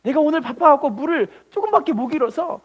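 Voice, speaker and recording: A woman's voice: sits high, expressive, fast, voice pushed up. A woman doing a kind, humble young husband. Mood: earnest.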